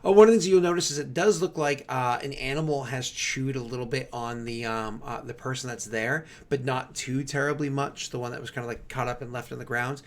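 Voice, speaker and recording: A man's voice: mid-range voice, steady tone, fairly quick, few pauses. A man working as game master, improvising tabletop game narration in a chatty, rambling way with conversational asides.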